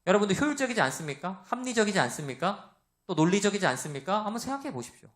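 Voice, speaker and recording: Animated loud-voiced Korean man preaching. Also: sits high, very fast. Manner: animated, acts out quoted voices, asks the congregation questions. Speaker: pastor. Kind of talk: sermon.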